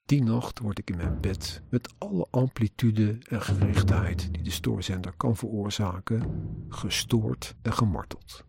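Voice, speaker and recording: A man's voice: lowish voice, a little slow, gravelly, a little mellow, husky. A man earnestly narrating his own experiences in a personal account, with an indignant edge.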